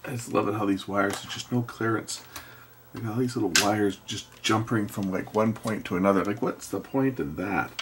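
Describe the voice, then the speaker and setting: In an indoor workshop, a man with a lowish voice speaking at normal speed offers casual, hands-on repair commentary, thinking aloud and muttering to himself. He's an electronics repairer hosting a repair video, with faint steady background noise.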